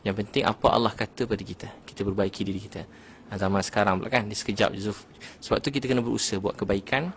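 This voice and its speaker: A Malaysian man giving a casual religious talk, telling stories in an animated way with many "ha" fillers. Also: fairly low pitch, rapid-fire, slight background noise. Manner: animated storytelling, frequent "ha" fillers. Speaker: religious preacher.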